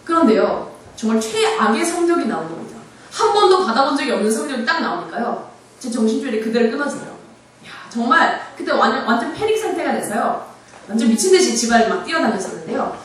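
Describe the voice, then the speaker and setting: A young woman tells her own faith story to a hall full of listeners, animated and expressive. Her pitch is fairly high and swings widely as she talks. She is heard from some distance in a hall with heavy, booming echo. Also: fast, slight background noise. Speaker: speaker giving a faith testimony. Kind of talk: personal testimony talk. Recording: very echoey hall from far off.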